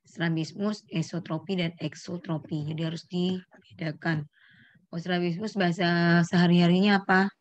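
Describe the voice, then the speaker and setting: A woman's voice: lowish voice, steady tone, moderate pace. A middle-aged woman lecturing students on neurology, explaining terms step by step, quizzing the class and correcting herself mid-phrase. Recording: dull lo-fi lecture recording.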